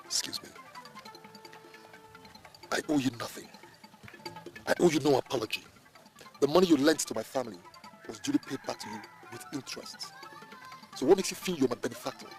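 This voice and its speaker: A man with a Nigerian accent playing a young man back from overseas who argues calmly and firmly in a film. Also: medium pitch, brisk, pauses often, soft background music, natural voice. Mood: defiant. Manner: calm, argumentative, polished. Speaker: Obinna, a returned suitor. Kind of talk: Nollywood film acting.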